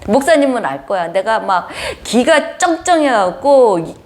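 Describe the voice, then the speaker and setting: A woman preaching a sermon, telling stories in an animated way with frequent laughter. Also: a little high, a little slow.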